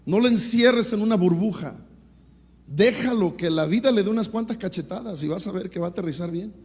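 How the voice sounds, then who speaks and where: A middle-aged man with a Mexican Spanish accent preaching a sermon as pastor, swinging from quick storytelling asides to rising emphatic bursts. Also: sits high, darkish tone. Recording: long hall reverb.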